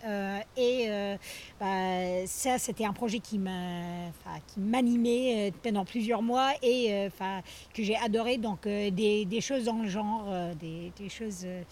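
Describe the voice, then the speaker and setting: A woman's voice: medium pitch, steady tone, a little slow, darkish tone, slight background noise. Hesitant woman guest in an interview. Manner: hesitant, many fillers. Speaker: guest athlete. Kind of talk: casual interview.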